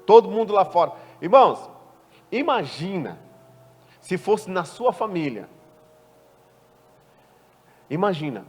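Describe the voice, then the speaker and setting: A man preaching a sermon, animated and often questioning the congregation with playful asides. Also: high voice, takes it slowly, pauses often, slightly rough. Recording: long church-hall reverb.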